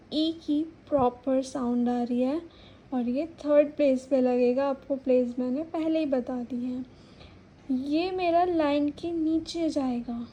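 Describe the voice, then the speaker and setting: Slow, high-voiced woman teaching shorthand. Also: mellow, low-quality recording. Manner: slow and patient, repeating words to sound out vowels. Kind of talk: explaining a stenography lesson.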